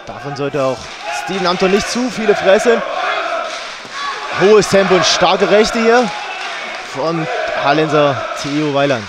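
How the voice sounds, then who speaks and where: A man's voice: a little high, expressive, a little slow. A man co-commentating a fight in live sports commentary style. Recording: noisy arena with loud crowd.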